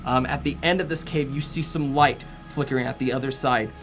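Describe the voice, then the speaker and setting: A man's voice: medium pitch, steady tone, a little fast, music in the background. A man narrating a tabletop game as game master, rambling with many fillers.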